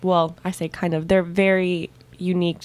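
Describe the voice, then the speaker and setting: A woman's voice: lowish voice, flat delivery, moderate pace, a little mellow, clear, resonant tone. A woman hosting a radio interview, asking questions in a giggly, friendly way with many fillers. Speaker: radio host. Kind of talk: casual interview chat. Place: radio studio.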